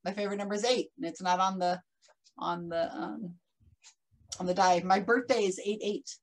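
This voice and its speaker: A woman interviewing a podcast host in a casual chat, relaxed and laughing often as she reads out viewer comments. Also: medium pitch, normal speed, rough recording.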